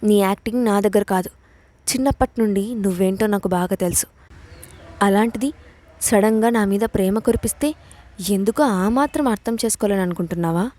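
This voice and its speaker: A woman voicing a sharp-tongued young college woman who speaks curtly and scornfully in an audio story. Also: medium pitch, brisk, lightly acted. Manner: curt and scornful.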